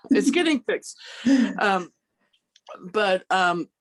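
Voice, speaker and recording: A woman's voice: mid-range voice, expressive, slow. A woman hosting a casual conversation on a video call, chatty and full of fillers. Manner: chatty, lots of "like" and "you know". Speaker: host. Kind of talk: conversational interview.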